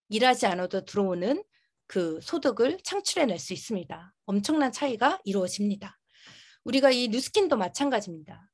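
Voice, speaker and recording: A woman giving an earnest, emphatic motivational business presentation, her articulation slightly impeded by a dental retainer. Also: medium pitch. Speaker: network marketing business presenter.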